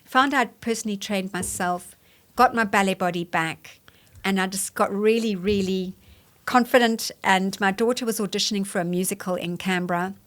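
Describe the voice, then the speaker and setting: Animated woman guest from Zimbabwe. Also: mid-range voice. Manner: animated storyteller, lists things in quick repeated phrases. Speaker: guest, fitness coach. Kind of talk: conversational interview.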